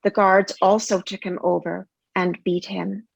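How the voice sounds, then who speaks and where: A woman's voice: medium pitch, little pitch movement, measured pace, creaky, no echo, rough recording. A woman reading scripture aloud as a church member, in a scripted narrative style.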